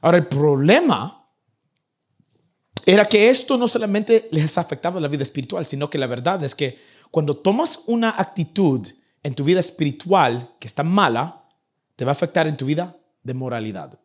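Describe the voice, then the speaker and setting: A young man preaching a sermon to his church, animated and acting out the people in his stories. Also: on the high side, normal speed. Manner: animated, acts out nagging parents in a raised voice. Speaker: pastor. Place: church in Vancouver.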